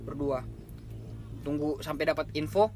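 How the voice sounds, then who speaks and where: A man's voice: fairly high pitch, unhurried, background noise. A man telling a camping ghost story in casual chat, rambling and slangy. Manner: rambling, slangy, repeats himself while describing. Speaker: storyteller on a horror podcast.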